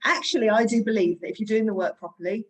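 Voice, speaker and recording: A woman wellness coach teaching in conversation, speaking in a reflective, measured way. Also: medium pitch, low-quality recording.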